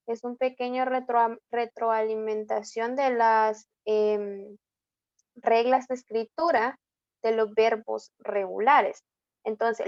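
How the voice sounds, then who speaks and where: A Salvadoran woman tutors an online English lesson, mixing Spanish and English and checking in with a frequent "ok?". Her voice sits slightly high and moves at a slow, patient pace. The dry, dull audio sounds like a computer mic in a video class. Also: dry recording. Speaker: English teacher.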